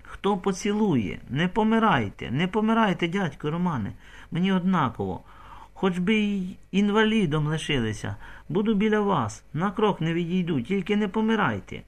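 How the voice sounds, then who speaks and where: A man's voice: fairly high pitch, lively intonation, moderate pace, fairly bright tone, voice pushed up. A man voicing a young village woman in love, pleading in a feverish, tearful way. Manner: feverish, pleading whisper-sobbing.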